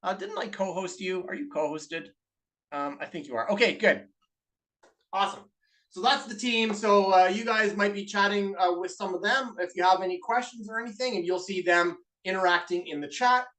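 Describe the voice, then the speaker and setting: A business co-owner and webinar host with a Canadian accent runs a live online masterclass, upbeat and chatty with many filler uhs. His voice is high-pitched with a sharp tone at normal speed, captured from a distance on a video call mic.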